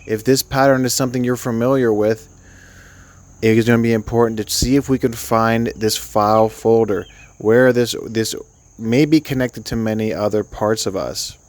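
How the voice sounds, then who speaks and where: Here a man guides listeners toward sleep, his gentle, soothing delivery unscripted and halting, broken by long pauses. The voice is medium in pitch with fairly steady intonation.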